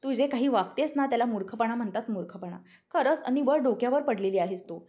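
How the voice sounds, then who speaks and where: A woman voicing a quick-tempered rich young man who scolds and loses patience, in a spoken TV serial recap. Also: a little high, expressive, mellow, natural voice. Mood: irritated. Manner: scolding, impatient.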